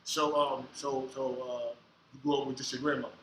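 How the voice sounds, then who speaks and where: A man hosting a casual podcast interview, joking and bantering loudly in slang. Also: mid-range voice, flat delivery, brisk, reverberant, slight background noise, rough recording. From United States. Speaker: podcast host.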